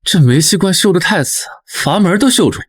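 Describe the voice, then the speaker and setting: A laid-back young mechanic in a motion comic, talking in a casual, offhand way. His slightly high voice moves lively up and down, and the recording is dry and close. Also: fairly quick, husky, no room sound. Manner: casual, unbothered. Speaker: lead character.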